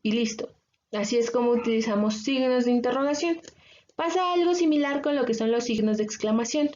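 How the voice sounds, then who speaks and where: A woman teacher with a Mexican Spanish accent explaining a lesson patiently, pausing often with filler sounds. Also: on the high side, darkish tone, highs cut off. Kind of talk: recorded online class lecture.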